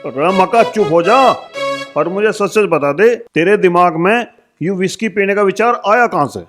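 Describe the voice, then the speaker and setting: A man playing a rough, scolding husband in a village comedy sketch. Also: sits high, moderate pace, over music. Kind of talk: rustic comedy acting.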